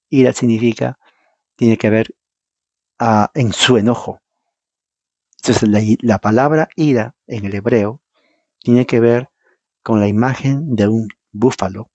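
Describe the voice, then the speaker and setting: Husky-voiced preacher teaching scripture. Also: male voice, medium pitch, darkish tone, dry recording, highs cut off. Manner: emphatic, asks the congregation rhetorical questions; reads scripture aloud and explains it verse by verse. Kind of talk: Bible teaching sermon.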